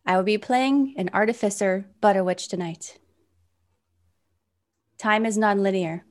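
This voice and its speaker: A woman speaking in a put-on robotic voice at a mid-range pitch. She introduces her character to a live tabletop game audience, keeping her delivery mechanical. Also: measured pace, a little mellow.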